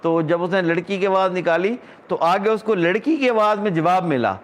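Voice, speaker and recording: A middle-aged man from Pakistan talks straight to his audience in a loose vlog monologue. His voice sits high for a man. He rants, sounding indignant and scornful. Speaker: vlogger. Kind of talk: casual monologue.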